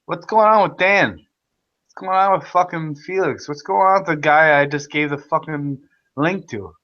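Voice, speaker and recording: A man hosting a casual online video chat, talking loudly and excitably, with frequent swearing. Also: a little high, normal speed, muffled recording. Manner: loud, profane, excitable. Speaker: host.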